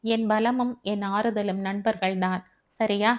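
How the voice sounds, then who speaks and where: A composed, frank woman who questions things openly and stays self-possessed, as a woman reads her in an audiobook. Her voice is medium in pitch. She speaks candidly and steadily. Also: steady tone, measured pace, natural voice. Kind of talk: audiobook dialogue reading.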